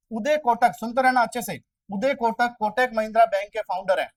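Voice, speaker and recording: A high-voiced man teaching a classroom of exam candidates, firing questions at them and answering in their place, bantering when they push back. He sounds set back from the microphone in a dry room with little reverb. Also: distant mic. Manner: quizzes the class constantly, voicing their questions himself; chatty, argues playfully with students. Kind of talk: classroom lecture for exam prep.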